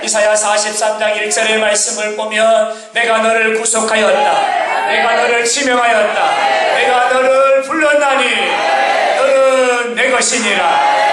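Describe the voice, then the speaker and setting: Impassioned high-voiced preacher in an echoey hall. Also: male voice, heavy background noise. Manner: impassioned preaching, shouting and drawing out words. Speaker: pastor. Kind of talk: sermon. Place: church sanctuary. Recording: echoey church hall from far off. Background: congregation.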